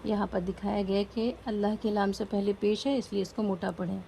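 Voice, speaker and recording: Mellow-voiced woman teaching recitation rules. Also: mid-range voice, flat delivery, creaky, slight background noise. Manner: patient, step-by-step, questions students. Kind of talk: explaining lesson to a class.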